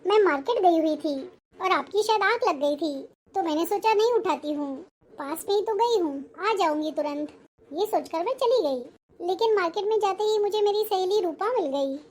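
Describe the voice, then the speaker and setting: Young sister-in-law, sly and lazy, sweet-talks her way out , played by an actress; very high voice. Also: expressive, moderate pace, darkish tone. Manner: sweet-talking, making excuses. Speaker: actor. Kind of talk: family drama acting.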